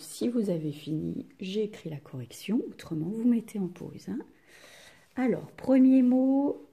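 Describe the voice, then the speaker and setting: A woman leads a spelling lesson for young children, breaking each word into syllables. She speaks very slowly and patiently, in a soft, dark, mellow tone. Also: mid-range voice. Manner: patient, slow and deliberate, sounds out syllables. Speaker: primary school teacher.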